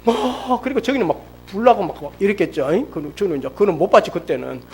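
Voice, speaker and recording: A middle-aged man preaching a sermon at a church service, telling a personal story with lively, acted-out storytelling. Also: high-pitched, fast talker, slight background noise. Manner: animated storytelling, acts out quoted speech. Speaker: pastor. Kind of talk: sermon testimony.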